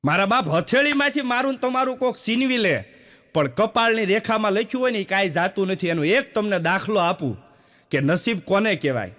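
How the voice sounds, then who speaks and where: A man's voice: high-pitched, animated, a little fast, fairly bright tone. A man from doing folksy stand-up storytelling, with a chatty manner that speaks straight to the audience. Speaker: stand-up comedian.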